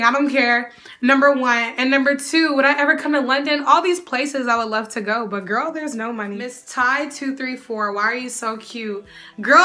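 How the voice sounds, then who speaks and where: This casual Q&A vlog features a sassy young adult woman from the United States fielding viewer questions directly to camera. Her tone is bright and ringing, slightly high in her range, and she keeps things animated and lively, frequently addressing the viewer as "girl."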